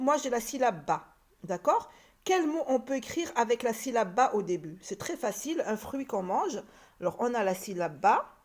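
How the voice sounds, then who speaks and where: A woman teaching a reading lesson to children, slow and patient, repeating each point and sounding out letters and syllables. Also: fairly high pitch.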